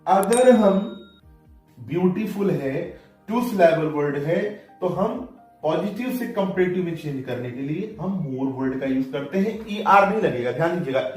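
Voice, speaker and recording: A man teaching a grammar lesson at a board, lively and often telling students to pay attention. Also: a little high. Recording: very echoey room, voice from far off, faint music.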